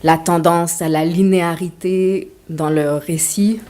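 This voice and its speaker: A woman lecturer with a slightly low voice. She talks in a measured academic way, stopping now and then with small fillers as she builds her points. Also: fairly even intonation, mellow, slight background noise.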